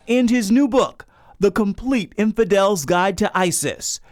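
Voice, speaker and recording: A man reading a scripted news voice-over in a dramatic, measured way. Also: high voice, animated, dry recording, clean studio sound. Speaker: news narrator.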